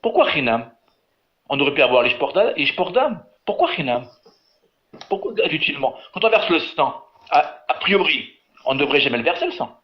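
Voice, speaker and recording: A man's voice: fairly high pitch, very animated, moderate pace. A man teaching biblical Hebrew in an online class, calling on students and patiently correcting their reading. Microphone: video call. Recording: slightly dull online audio with faint noise.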